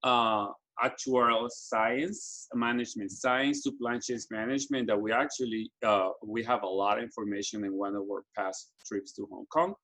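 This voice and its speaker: Presenting a study abroad program to students with slides, an earnest Ecuadorian-born business school staffer speaks haltingly, restarting often and using fillers. His voice sits on the low side, steady in tone but pushed and bright.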